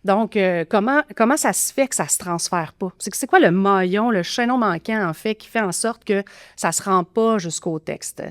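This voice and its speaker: A woman's voice: mid-range voice, moderate pace, no echo, clean studio sound. A woman with a Québécois accent explaining teaching methods as a podcast guest, thoughtful with frequent fillers and restarts. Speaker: grammar teaching expert guest.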